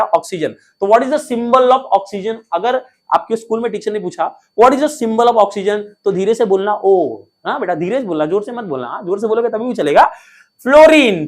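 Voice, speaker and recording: A man teaching a lesson in a playful, coaxing way, asking questions and answering them himself. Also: sits high. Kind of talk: classroom lesson, coaxing students.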